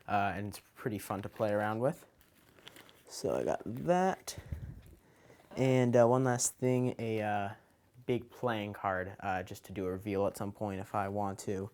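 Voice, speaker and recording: Casual, low-voiced man showing his magician's kit. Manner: informal, hesitant, loosely improvised item-by-item delivery. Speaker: children's magician presenting own kit. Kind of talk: casual show-and-tell explanation.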